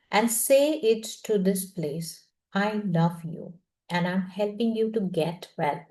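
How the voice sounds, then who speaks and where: A woman, slowly reading a self-help book aloud and guiding a listening group through an affirmation in a soft, measured voice. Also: medium pitch. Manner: slow, soft and measured, with quiet half-whispered phrases. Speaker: book reading session leader.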